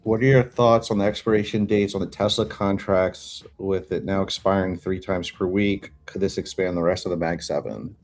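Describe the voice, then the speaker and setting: Brief: male co-host, lowish voice, playful banter. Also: fairly even intonation, normal speed, hardly any pauses, a little mellow. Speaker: trading co-host. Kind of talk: casual banter on a live trading stream.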